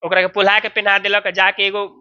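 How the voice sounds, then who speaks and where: Bihari Hindi teacher, chatty, quizzes students, crisp bright tone, muffled recording. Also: male voice, high voice, monotone, fairly quick. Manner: chatty, asks students questions. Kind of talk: explaining a story in class.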